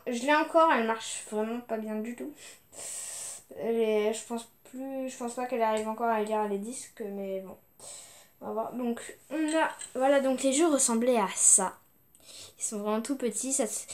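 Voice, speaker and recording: Young woman, high voice, casual vlog chat, hesitant, lots of fillers. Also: a little mellow. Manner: hesitant, many fillers and restarts. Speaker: video game collector showing her games.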